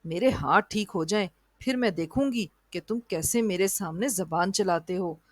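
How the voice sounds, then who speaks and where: A woman's voice: moderate pace, no room sound, clean studio sound, lightly acted. A woman voicing a sly, vengeful female cat who gloats and snaps in a storybook tale. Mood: angry. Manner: shrill, gloating and spiteful.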